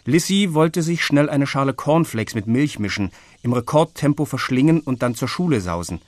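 A man narrating a children's audiobook in a lively way, switching into the characters' voices. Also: medium pitch, normal speed, no room sound. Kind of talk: audiobook reading.

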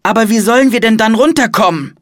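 A man's voice: high-pitched, quick pace, a bit bright, no room sound, studio quality, pitched above the performer's own voice. A man doing an eager little girl. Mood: excited. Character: excited young girl, bold and eager. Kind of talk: audiobook storytelling.

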